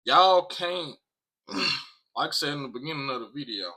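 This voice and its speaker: A man's voice: fairly high pitch, expressive, measured pace, bright, forceful tone, breathy edge. An American man talking casually to viewers in an emphatic way, repeating phrases and swearing freely. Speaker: vlog host.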